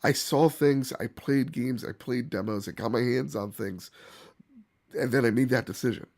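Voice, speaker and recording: A man hosting gaming commentary, speaking bluntly and emphatically in a rough, hoarse voice as if sick. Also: mid-range voice, moderate pace, darkish tone. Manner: emphatic, opinionated, blunt, swearing. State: hoarse from bronchitis. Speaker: gaming channel host. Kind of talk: opinion commentary to camera or viewers.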